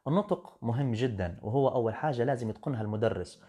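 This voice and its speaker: A man's voice: medium pitch, fast, mellow, breathy edge. A man, an English teacher talking on a live stream, firm and lecturing, slipping into English now and then. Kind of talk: live-stream talk answering comments.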